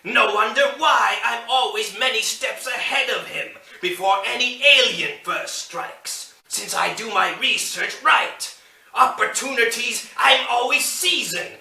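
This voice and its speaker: A high-pitched, scheming cartoon spider scientist impression. The rhymes are recited in a piercing, swooping villain voice. It sounds roomy and away from the mic. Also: male voice, measured pace, gravelly, pushed and bright, exaggerated voice. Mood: sly, boastful. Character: scheming spider robot scientist, male, sly secretive loner. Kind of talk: theatrical character poem recital. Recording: roomy echo, distant mic.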